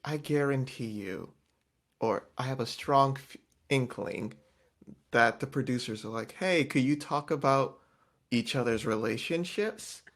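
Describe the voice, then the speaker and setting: A man with a mid-range voice speaks at a measured pace as he co-hosts a casual podcast. He recaps a reality show with animated energy, acting out quotes in different voices.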